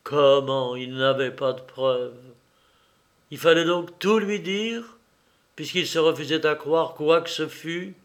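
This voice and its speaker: Slow, expressive male audiobook narrator. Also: a little high. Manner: expressive, measured literary reading. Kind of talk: dramatic novel narration.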